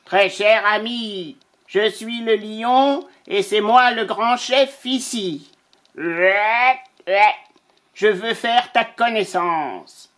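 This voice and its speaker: A woman voicing a gleeful greedy vulture. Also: a little high. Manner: slow, relishing, with buzzing scribble noises. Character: male vulture writing a letter, greedy and gleeful.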